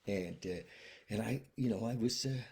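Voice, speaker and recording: Gravelly low-voiced man, rambling gently. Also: normal speed. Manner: rambling, many restarts and fillers; gentle, openly apologetic. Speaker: recovery video host. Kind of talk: casual heartfelt talk. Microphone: webcam video stream.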